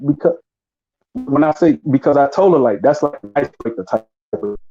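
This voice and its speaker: A man's voice: on the high side, lively intonation, a little fast, lo-fi sound, music in the background. A man co-hosting a casual live talk show, speaking bluntly over a call connection that breaks up and cuts out. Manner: blunt, matter-of-fact, repeats his points. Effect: call audio breaking up and cutting out. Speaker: co-host.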